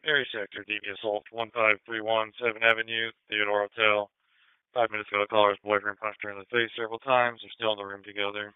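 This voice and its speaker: A man's voice: lowish voice, little pitch movement, fast, clean tone, dry recording. A man working as a police dispatcher, reading out calls and addresses in clipped, matter-of-fact codes over a police radio transmission. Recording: narrow-band police scanner audio.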